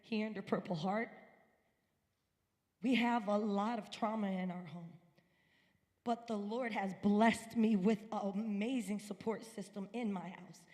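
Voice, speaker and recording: A woman's voice: medium pitch, steady tone, unhurried, darkish tone. Earnest woman giving testimony in a reverberant hall. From upstate New York. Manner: earnest, emphatic storytelling. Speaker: guest speaker at a church service. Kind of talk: personal testimony. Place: church sanctuary.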